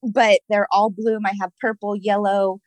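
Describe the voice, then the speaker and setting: A cheerful, positive woman talking casually as a guest and laughing easily. Her pitch sits in the middle, and the recording is close and dry. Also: flat delivery, normal speed, no echo, low-quality recording. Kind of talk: casual interview chat.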